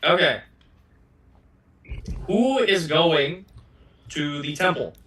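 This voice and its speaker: A man running a tabletop game as game master, talking in a halting way with many fillers. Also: on the high side, animated, bright, forceful tone, rough recording. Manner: halting, filler-heavy delivery.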